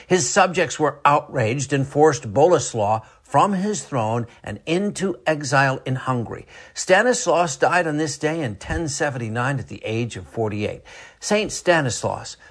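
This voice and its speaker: A man's voice: mid-range voice, slightly rough. A man reading scripted narration as the presenter of a short radio segment. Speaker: meteorologist presenting a saint of the day segment.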